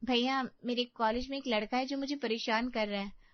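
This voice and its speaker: A woman's voice: fairly high pitch, steady tone, highs cut off, close to an everyday voice. Woman voicing a bossy cartoon college girl. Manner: brisk, bossy. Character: teenage college-going younger sister, assertive. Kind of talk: cartoon voice acting.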